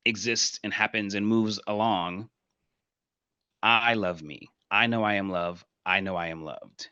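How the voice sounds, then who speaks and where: A man speaking as a podcast guest, earnest and reflective, often repeating affirmations softly. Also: fairly low pitch, no echo, highs cut off. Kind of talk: casual podcast conversation.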